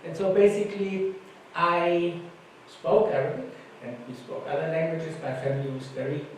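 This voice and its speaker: Speaking at moderate speed in a level tone, this slightly high-voiced man shares casual stories during a conference talk. He's a panelist from Germany whose first language is German. The conference hall echoes, the mic is far away, and there's a faint hiss of noise.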